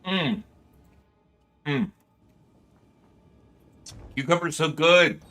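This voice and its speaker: A man streaming a game and chatting casually with his viewers. He talks in an animated way into a desk mic, laughs often and breaks into high yelps. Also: drawn-out words, faint music behind. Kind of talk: casual gaming livestream chat. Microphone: desk microphone.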